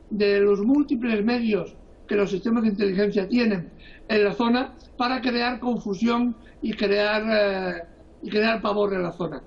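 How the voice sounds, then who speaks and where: A male guest analyst giving political commentary, hesitating often with drawn-out fillers. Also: high-pitched, vocal fry, dull audio.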